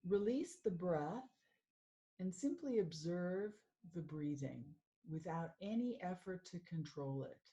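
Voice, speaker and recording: A woman working as a mindful living coach, leading a guided meditation in a calm, soothing way. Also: lowish voice. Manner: slow, calm, soothing guidance.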